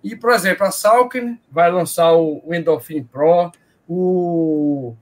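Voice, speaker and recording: A man's voice: on the high side, takes it slowly. A man with a Brazilian Portuguese accent hosting a casual live show, addressing people in chummy slang. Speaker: host of a running live stream.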